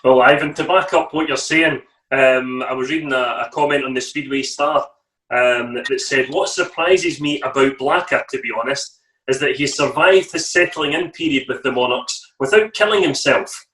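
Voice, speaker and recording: A man's voice: mid-range voice, moderate pace, a bit bright. A man co-hosting a casual interview, asking friendly, probing questions. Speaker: co-host. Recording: roomy sound, distant from mic.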